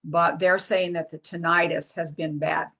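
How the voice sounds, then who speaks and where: A woman presenting a product in a casual, halting way, with many fillers and restarts, reading lists off a screen. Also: on the low side, level tone, fairly bright tone. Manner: reads lists aloud off a screen.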